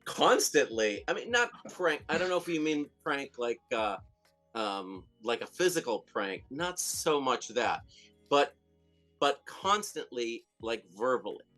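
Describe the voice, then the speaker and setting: A man's voice: mid-range voice, a little slow, faint music behind. A man guest in a casual interview, telling stories animatedly, with lots of restarts, fillers and laughter. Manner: rambling, with many restarts and fillers; animated storyteller who laughs often. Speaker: filmmaker and comedian guest.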